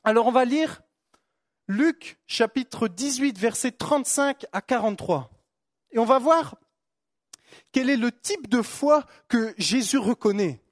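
A man's voice: very high-pitched, lively intonation, unhurried, no echo, studio quality. A young man preaching a sermon, fervent, repeating phrases for emphasis and stumbling on words. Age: young adult.

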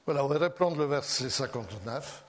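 A man's voice: medium pitch, expressive, brisk, slightly rough. A man preaching a sermon. He talks in a hesitant way, often loses his place and repeats himself. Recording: long reverb of a large hall.

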